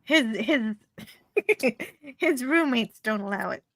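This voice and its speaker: A woman's voice: a little high, animated, takes it slowly, a bit bright, no echo. A woman chatting casually as a member of an open panel. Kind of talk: casual chat.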